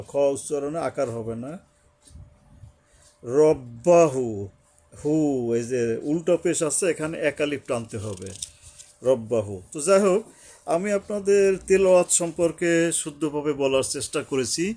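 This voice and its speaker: A man teaching Quran recitation, patiently repeating syllables and drawing out recited words to demonstrate. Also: fairly high pitch. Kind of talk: recitation lesson with explanation.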